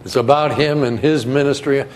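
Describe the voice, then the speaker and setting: An older man from New England giving a sermon in a conversational, folksy storytelling way with soft chuckles. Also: medium pitch, fairly even intonation, moderate pace. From Connecticut, New England. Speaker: guest preacher.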